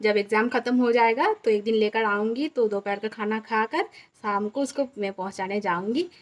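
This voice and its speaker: Woman vlogger with a slight lisp, high voice, chatty and explaining things as she goes. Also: normal speed. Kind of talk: casual home vlog chat.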